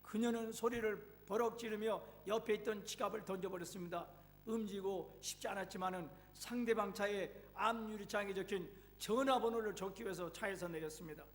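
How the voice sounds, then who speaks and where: High-voiced male pastor in echoing church. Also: steady tone, brisk. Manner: dramatic storytelling. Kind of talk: sermon with an acted-out story. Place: church hall. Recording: reverberant church hall, faint hum.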